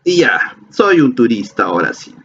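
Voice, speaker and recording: A man's voice: mid-range voice, very animated, moderate pace, a bit bright, a little hiss or hum. A Peruvian man teaching a lesson in a playful style, asking questions and answering them himself. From Peru. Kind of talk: classroom lecture video. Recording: slightly dull lo-fi sound with faint ambience.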